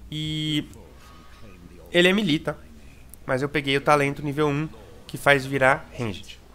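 Excitable Brazilian man commenting gameplay. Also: a little high, unhurried, a little hiss or hum. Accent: Brazilian Portuguese. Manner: excitable, repeats words, sudden shouts. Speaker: gameplay streamer.

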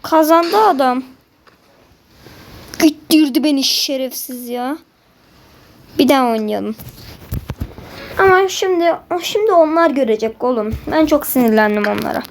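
A woman gives gameplay commentary in a high voice with an unhurried delivery. She is excitable and bursts into frustration at her opponents. Clear game sounds play behind her. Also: slight background noise. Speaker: gamer.

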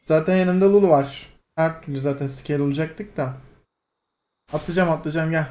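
A young man giving lively, excitable commentary over his own gameplay, teasing teammates, laughing and shouting now and then. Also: on the high side, brisk. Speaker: gaming streamer.

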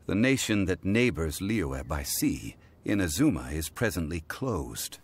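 A man voicing an ancient god living as a calm, dignified mortal, speaking in measured, formal sentences. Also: low voice, slightly rough, exaggerated voice. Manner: measured, formal, stately speech. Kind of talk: video game voice acting.

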